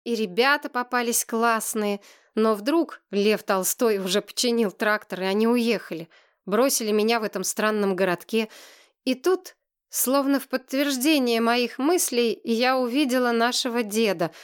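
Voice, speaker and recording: A woman narrating a children's story in the first person, lively and expressive. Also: a little high, normal speed. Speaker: audiobook narrator.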